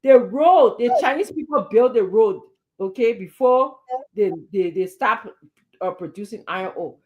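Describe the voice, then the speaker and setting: A woman delivers heated political commentary on a talk show, her voice sitting a bit higher than most women's. She talks with indignant emphasis, repeating words as she builds up steam and firing off rhetorical questions. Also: lively intonation, measured pace, a little mellow, lo-fi sound. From Liberia.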